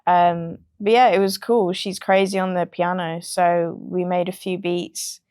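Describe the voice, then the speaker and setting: A young British woman who works as a music producer chats casually in an interview, relaxed and full of ums and laughs. Her voice is lowish and unhurried, recorded with clean studio sound and no echo.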